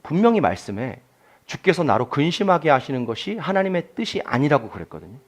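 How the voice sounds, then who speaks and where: A man preaching a Sunday sermon as pastor, moving between quiet confiding asides and loud emphatic declarations. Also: mid-range voice, big pitch swings, brisk. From South Korea.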